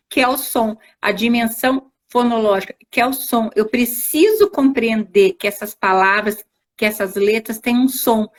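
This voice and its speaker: A woman's voice: fairly high pitch, a bit bright. A woman teacher giving explanatory interview answers, working through step-by-step examples and often checking in with tag questions. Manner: didactic, spells out examples, frequent tag questions. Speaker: teacher, invited guest. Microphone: video call on a live stream.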